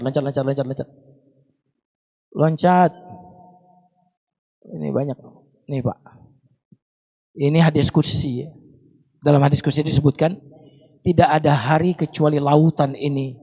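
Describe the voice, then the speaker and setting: Speaking in a slightly high, dark-toned voice with a breathy edge, a young man preaches to his congregation during Ramadan. He keeps it conversational with teasing asides and shifts into Arabic prayers at times.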